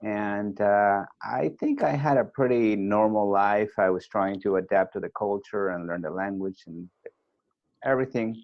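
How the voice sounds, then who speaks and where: A man's voice: on the low side, normal speed, dry recording, lo-fi sound. A friendly, talkative man in his forties with a Peruvian Spanish accent, a guest telling his story in an interview. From Peru. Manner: friendly and talkative, many fillers. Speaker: guest, army veteran.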